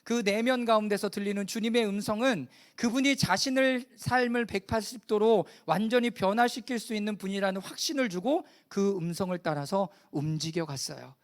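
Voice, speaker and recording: A man's voice: high voice, moderate pace, hardly any pauses. A middle-aged man preaching a sermon as pastor, talking in a conversational way and asking the congregation questions.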